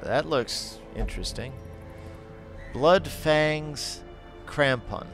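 A man giving casual gameplay commentary, reading item text aloud and thinking out loud as he sorts his party. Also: fairly high pitch, very slow, soft background music. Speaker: gaming channel host.

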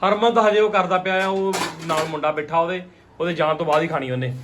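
A Punjabi man with a somewhat high-pitched voice narrates a casual family vlog. He is chatty and teasing and circles back to his points. The phone recording carries slight background noise. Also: steady tone, fast talker. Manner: teasing, chatty, repeats himself. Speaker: family vlogger. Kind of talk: casual home vlog chat. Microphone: phone held by the speaker. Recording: noisy handheld home recording.

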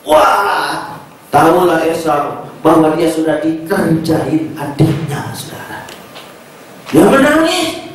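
A male pastor preaching a sermon, telling a story in an animated way and often addressing the congregation. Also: fairly high pitch, slow, a little hiss or hum. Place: large church hall. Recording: echoey church hall, distant mic, faint ambience.

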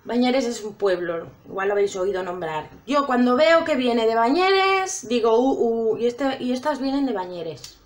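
A woman's voice: fairly high pitch, big pitch swings, moderate pace, hardly any pauses. A woman chatting casually to her viewers while trying out makeup. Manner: chatty, addresses viewers directly. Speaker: makeup vlogger.

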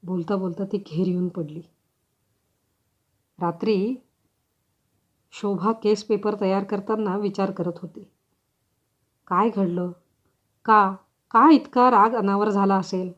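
A woman's voice: medium pitch, steady tone, slow, pauses often. Woman narrating a short story. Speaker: story reader. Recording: slightly dull lo-fi recording.

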